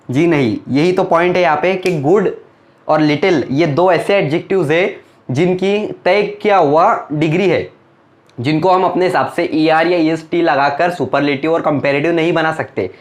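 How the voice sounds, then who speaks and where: At a board, a young man with a fairly high voice teaches grammar at a normal speed. He patiently explains the material, repeatedly posing questions and answering them himself.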